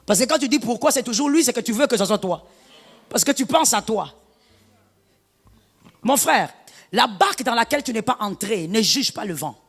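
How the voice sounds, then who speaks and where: A middle-aged woman pastor delivering a sermon, animated and half-singing some phrases, breaking into shouts. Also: on the high side, moderate pace, pauses often, husky, big-room sound. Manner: animated preaching, lapsing into sung phrases and shouts.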